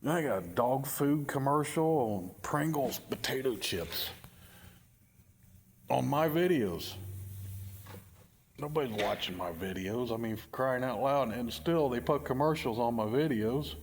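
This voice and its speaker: A man's voice: mid-range voice, a little hiss or hum. A middle-aged man rambling wryly about his channel in a casual vlog, in a cold, dim work building. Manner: rambling, wry and self-deprecating. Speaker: channel owner.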